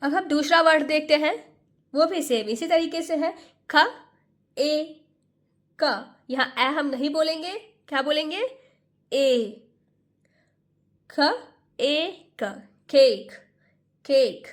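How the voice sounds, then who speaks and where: A woman's voice: high-pitched, a bit bright. A woman teaching English pronunciation in Hindi, sounding out each letter and patiently repeating every word. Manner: sounds out letters slowly, one by one. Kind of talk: Hindi phonics lesson.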